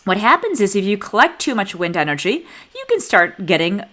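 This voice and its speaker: A woman in her forties speaks as a neurologist teaching a class. Her pitch swings widely as she talks, animated and conversational. She tells stories and acts out the dialogue in them. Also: a little fast. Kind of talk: teaching talk with personal stories.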